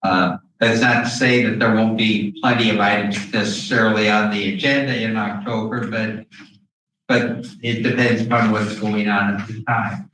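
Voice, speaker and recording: A man speaking through a face mask, explaining things haltingly as an official at a public meeting, with pauses and throat clearing. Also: fairly low pitch, little pitch movement, fairly bright tone. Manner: hesitant, with long pauses and frequent throat clearing. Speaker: school district official presenting to a board. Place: indoor meeting room. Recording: very echoey room, distant mic, faint noise.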